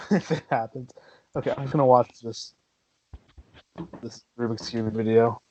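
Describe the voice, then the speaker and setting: A man's voice: medium pitch, measured pace, a little mellow, slight background noise. A man co-hosting a casual baseball watch party, laid-back and laughing easily. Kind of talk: casual live baseball chat.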